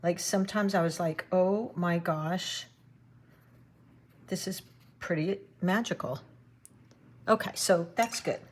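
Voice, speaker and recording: Slow, breathy woman teaching watercolor. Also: lowish voice. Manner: thinks aloud, chatty asides to viewers. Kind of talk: relaxed painting demonstration.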